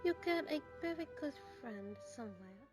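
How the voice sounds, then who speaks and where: A woman playing a stern but caring older professor in an audio drama, speaking in a brisk, prim and formal way. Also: high voice, expressive, a little mellow, husky, faint music behind. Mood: softened, earnest. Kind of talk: fan audio drama acting.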